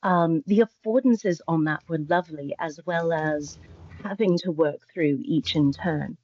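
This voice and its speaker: A woman taking part in an online session, explaining puzzle solutions in a measured, analytical way over a video call. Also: low voice, darkish tone, no room sound, lo-fi sound. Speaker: session participant.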